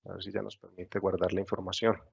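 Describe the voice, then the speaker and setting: Gravelly low-voiced man teaching. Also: monotone, quick pace, muffled recording. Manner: patient step-by-step explaining with frequent fillers. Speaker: software instructor. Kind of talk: screen-share webinar tutorial.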